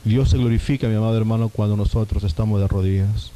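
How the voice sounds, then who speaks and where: A man's voice: lowish voice, steady tone, quick pace, dark tone, slight background noise, rough recording. A man, a pastor, preaching a sermon and telling a personal testimony, often calling his listeners brothers.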